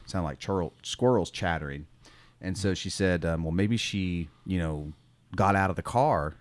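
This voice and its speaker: Telling a story on the podcast he co-hosts, a male schoolteacher speaks low and at a measured pace, recorded dry. He is laid-back and meandering, full of "um" and "you know," with occasional laughter.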